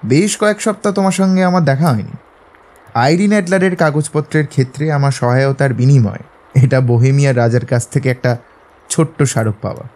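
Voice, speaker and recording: An actor playing Sherlock Holmes in an audio drama as an assured, philosophising gentleman detective, speaking in a measured, eloquent, lecturing way. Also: medium pitch, natural voice. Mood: light, pleased. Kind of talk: Bengali audio drama acting.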